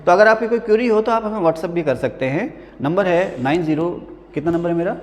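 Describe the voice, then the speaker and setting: A high-pitched man lectures on history to a class, asking a question and answering it himself as he goes. He chats and jokes with the students between points. His voice rings with a long reverb in the room. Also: fairly quick, slight background noise. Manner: repeats key answers as quiz-style questions. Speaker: history teacher at a coaching academy.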